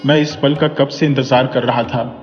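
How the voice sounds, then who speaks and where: A man's voice: medium pitch, fairly even intonation, moderate pace, close to an everyday voice. A lovestruck young professor, playful and coaxing, delivered in a man's ordinary mid-range voice, as the narrator puts him on. The recording is dull and echoey, with faint music beneath it. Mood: affectionate. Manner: warm, coaxing, teasing.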